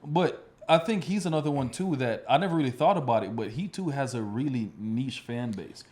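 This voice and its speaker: A podcast host chats casually in an informal, slangy way. His voice is mid-range and a little mellow, and he talks fairly quickly.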